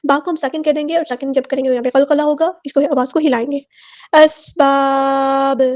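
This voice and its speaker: A woman teaching tajweed, explaining letters slowly and repeating single sounds and words as models. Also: high-pitched, fairly even intonation, darkish tone. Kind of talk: tajweed lesson, explaining word by word.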